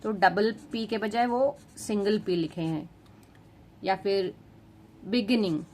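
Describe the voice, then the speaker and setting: Slow, patient Hindi-English woman teacher. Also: mid-range voice, a little mellow, a little hiss or hum. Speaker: parenting channel host teaching spelling. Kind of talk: explanatory lesson mixing Hindi and English.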